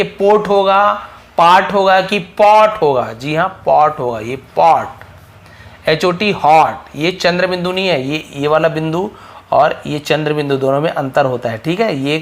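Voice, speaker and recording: Man, young adult, slightly high voice, English phonics teacher, drawn-out repeated vowel sounds. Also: a bit bright. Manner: drawn-out phonics demonstrations, addresses viewers as sir-style students. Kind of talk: spoken lesson at a board.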